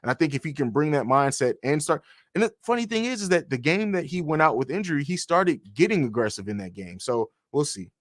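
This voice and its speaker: A man's voice: fairly high pitch, sing-song, a little fast, no echo, clean studio sound. Rambling male sports podcast host. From grew up in Germany on a US military base. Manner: rambling, restarts, blunt and profane. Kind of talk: casual sports podcast talk, reading chat.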